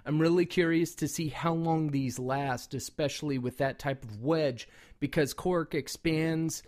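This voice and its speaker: Male reviewer, somewhat high voice, informal and loosely rambling, everyday hobbyist review delivery. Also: fairly even intonation, unhurried, a little mellow. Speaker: product reviewer and call maker. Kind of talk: casual product review talk.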